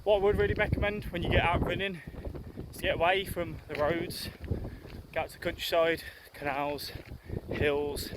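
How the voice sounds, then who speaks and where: A young man in his twenties talks in a fairly high voice while jogging, a little out of breath. He chats casually like a vlogger, and there is some outdoor noise around him. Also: little pitch movement, moderate pace. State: slightly out of breath. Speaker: vlogger and streamer. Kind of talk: casual chat to camera. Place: outdoors, on a run.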